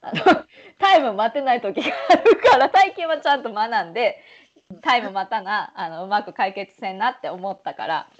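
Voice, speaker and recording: A woman with a Kansai accent co-hosting a casual podcast chat, animated and quick to laugh. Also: mid-range voice. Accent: Kansai Japanese. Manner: animated, chatty, laughs often. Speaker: podcast co-host. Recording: lo-fi dull sound.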